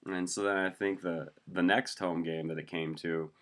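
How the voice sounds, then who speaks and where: A man's voice: low voice, steady tone, moderate pace, a bit bright. A man in his twenties from Montana, hosting his own web show in a rambling, chatty solo monologue. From Montana, USA. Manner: rambling, chatty, with frequent restarts and laughs.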